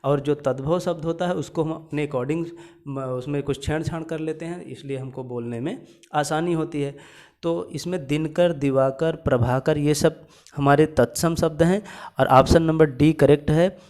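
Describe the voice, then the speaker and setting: In this exam-prep lesson, a man speaks in a highish, somewhat mellow voice, with fairly even intonation and a moderate pace. He's a teacher walking through exam questions one step at a time, asking and answering his own questions and restating each answer.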